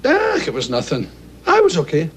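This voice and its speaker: An actor playing an eager, soft-hearted, jealous boyfriend in a television comedy-drama, hesitant and playfully wounded. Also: male voice, a little high, wildly swooping pitch, normal speed, a little hiss or hum. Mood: flustered, wounded.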